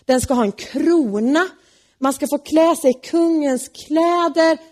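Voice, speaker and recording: A woman's voice: high-pitched, a little mellow, pitched above the performer's own voice, lightly acted. A woman doing a gloating scheming court official. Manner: gloating, eager, exclaiming. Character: scheming boastful male royal official.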